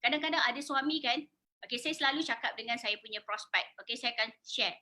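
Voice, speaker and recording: A woman's voice: on the high side, quick pace, pushed and bright. A woman in her forties with a Malaysian accent, a beauty salon owner giving a persuasive sales presentation and putting questions to her audience. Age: 40s. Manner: persuasive, asks the audience questions, mixes in English words.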